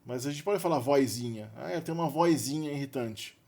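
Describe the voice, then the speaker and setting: A man's voice: a little high, fast, vocal fry, a little mellow. A man with a Brazilian Portuguese accent giving an unscripted linguistics lecture, thinking aloud with restarts and frequent question tags. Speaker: linguistics video presenter.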